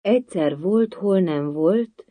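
A storybook reader voicing a drowsy dormouse who mumbles a slow fairy tale. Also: mid-range voice, warm tone, no room sound, pitched above the performer's own voice, close to an everyday voice. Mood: sleepy.

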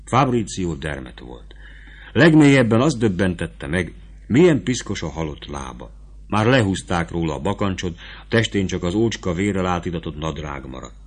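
A man reading a novel aloud as a narrator, in a steady, measured storytelling voice. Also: low-pitched, breathy edge.

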